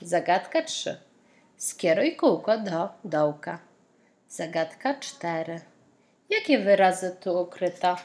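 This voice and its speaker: A woman's voice: fairly low pitch, sing-song, takes it slowly, darkish tone, a little hiss or hum. A woman reading a children's picture book aloud, voicing the characters' lines and asking the young listener questions and riddles about the pictures. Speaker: storybook reader.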